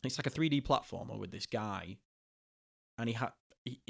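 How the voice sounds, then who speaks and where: A man's voice: medium pitch, normal speed, creaky, fairly bright tone. A young man hosting a podcast, chatting casually, laughing often and rambling through asides. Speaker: podcast host.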